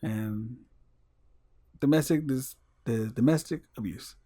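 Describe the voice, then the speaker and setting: A man's voice: mid-range voice, slow pace, dark tone, breathy edge, no echo, clean studio sound. A man co-hosting a casual podcast in a laid-back way, often trailing off. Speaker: podcast co-host. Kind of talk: casual chat.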